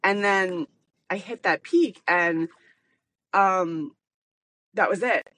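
Speaking slowly in a mid-range, slightly bright voice, a woman in her late thirties hosts her podcast solo. Her monologue is casual, candid and rambling, with lots of filler words.

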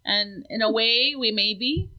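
A woman in her forties from the United States speaks in a reflective, casual interview, frequently saying um. Her voice is a little high and a little slow, and the recording is missing its high frequencies.

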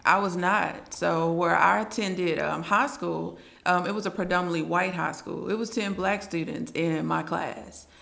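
Woman from Arkansas, lowish gravelly voice, calm interview guest. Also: normal speed, few pauses. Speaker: guest, entrepreneur. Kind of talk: casual interview.

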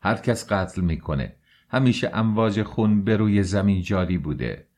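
A man's voice: low-pitched, animated, a little mellow. A man voicing a proud, tormented young man who argues heatedly and bitterly.

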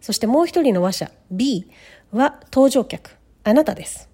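A woman's voice: a little high, lively intonation, moderate pace, mellow, slightly rough. A woman teaching English pronunciation, patiently demonstrating each sound step by step, with faint music behind her.

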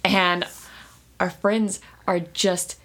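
A woman co-hosting a podcast, telling stories in a casual, animated, chatty way. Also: lowish voice, extremely slow. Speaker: podcast co-host. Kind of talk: casual chat.

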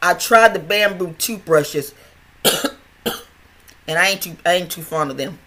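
Slow and forceful, this medium-pitched, bright voice belongs to an older podcast host with a stutter. He rambles chattily through a casual health monologue, restarting and repeating words many times.

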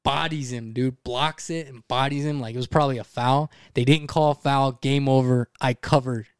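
Animated swearing man telling a story. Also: medium pitch, moderate pace, smooth, no room sound, clean studio sound. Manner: animated, swears freely, acts out voices in his story. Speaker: podcast co-host. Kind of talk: casual podcast storytelling.

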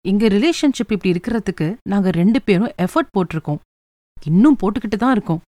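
Gentle patient mother, read by a woman. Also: mid-range voice, expressive, fast, dry recording, natural voice. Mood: calm. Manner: soft, reasoning, kindly. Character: gentle patient mother giving calm advice.

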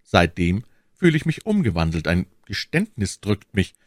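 A man's voice: deep voice, sing-song, normal speed, no room sound, studio quality. A man voicing a gallant, earnest young swordsman who speaks in a courtly, pleading way in an audiobook. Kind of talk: audiobook character voice.

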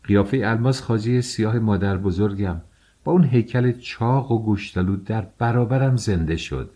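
A man narrating an audiobook in a measured, expressive way. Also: lowish voice. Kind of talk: scripted narration.

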